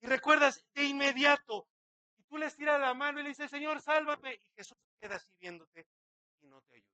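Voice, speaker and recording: A man's voice: extremely high pitch, fairly quick, bright, forceful tone, no echo. A man, a pastor preaching a sermon dramatically, acting out quotes and asking many rhetorical questions.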